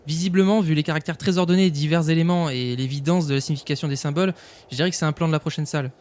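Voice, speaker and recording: A man's voice: fairly high pitch, steady tone, rapid-fire, a little mellow. A man playing a goofy, know-it-all elf in a tabletop game, a bit whiny. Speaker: player. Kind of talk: in-character tabletop play.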